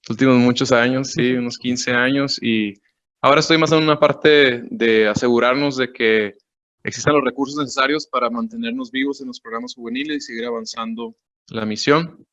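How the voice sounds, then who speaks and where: A man from Monterrey, introducing himself in a measured, formal way over a video call. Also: medium pitch, fairly even intonation, fairly bright tone, no room sound. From Monterrey, Mexico. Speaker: director of a youth association. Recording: dull, dry video-call audio.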